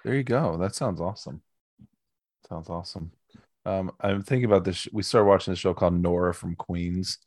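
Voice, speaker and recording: A man co-hosting a podcast in casual chat, telling stories in an animated, joking way. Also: deep voice, fairly quick, no room sound, clean studio sound. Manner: animated, jokey storyteller. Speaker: podcast co-host.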